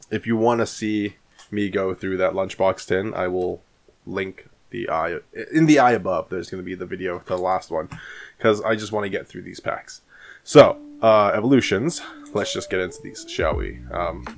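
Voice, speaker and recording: Chatty man with a low voice. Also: gravelly, slight background noise. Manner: chatty, rambling, with many fillers and restarts. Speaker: card collecting channel host. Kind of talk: casual vlog and pack opening. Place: small home room with shelves of collectibles, indoors. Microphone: studio microphone on arm in front of him.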